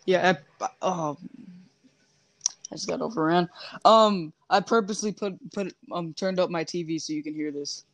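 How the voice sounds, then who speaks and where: A man chatting casually while playing a zombie game, joking and rambling, often trailing off softly. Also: high voice, normal speed, dry recording. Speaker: gamer streaming zombie survival. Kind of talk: casual gaming chat.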